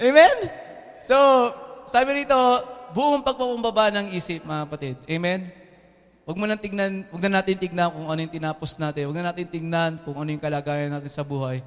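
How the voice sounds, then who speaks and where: A young adult man with a Filipino accent preaching a lively, joking sermon as a pastor in an air-conditioned church hall, often asking the congregation "Amen?". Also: fairly high pitch, fairly quick. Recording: long hall reverb in a church.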